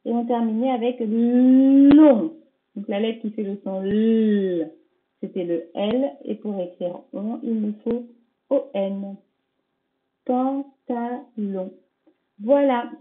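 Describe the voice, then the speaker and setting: Slow, patient woman teacher on tinny audio. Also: a little high. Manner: sounds out words syllable by syllable, stressing each sound; patient, checks in with the pupils. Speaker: primary school teacher. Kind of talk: recorded dictation correction for young pupils.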